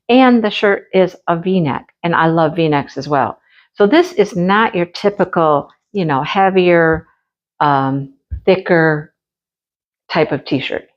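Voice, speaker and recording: A woman from Michigan hosts her craft channel while losing her voice, chatting casually in a show-and-tell style and often gushing over things she loves. Her voice is on the low side, and the sound is lo-fi.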